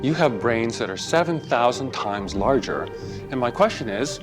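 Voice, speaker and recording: A man's voice: medium pitch, animated, normal speed, over music. A man, a biologist and teacher, explaining things. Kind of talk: explanatory talk.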